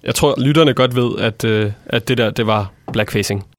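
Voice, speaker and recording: A man's voice: fairly low pitch, slight background noise. A man debating on a comic radio show, hesitant yet insistent, repeating his point. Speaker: radio panelist.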